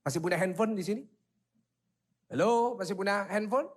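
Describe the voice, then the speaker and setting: High-voiced man preaching to teens. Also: moderate pace. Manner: jokey and self-mocking, teasing the crowd. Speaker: youth pastor. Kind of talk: lively youth sermon with audience call-and-response.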